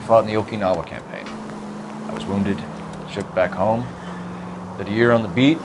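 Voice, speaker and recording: A man's voice: lowish voice, moderate pace, background noise, natural voice. Man acting a terse 1940s American beat cop. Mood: guarded, terse. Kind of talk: period police drama game acting.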